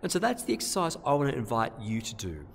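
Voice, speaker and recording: Aussie priest giving a homily, voice goes up and down a lot, lots of church echo. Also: male voice, mid-range voice, huge pitch swings, fast talker, vocal fry, slight background noise. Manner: gentle, conversational, with frequent repetitions. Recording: long church reverb.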